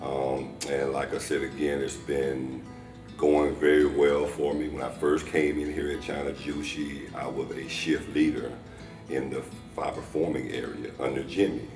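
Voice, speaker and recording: A man's voice: rumbling low, flat delivery, measured pace. A man, a fabrication manager, talking eagerly with many ums about his job in an employee interview. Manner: enthusiastic, grateful, many ums. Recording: roomy, distant mic, music behind.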